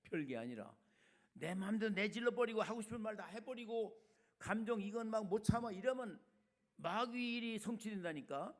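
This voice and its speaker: An older man, a retired senior pastor, preaches a sermon in a colloquial, chatty way. His high-pitched voice has lively intonation at a normal speed, swinging from loud, emphatic lines to quiet asides.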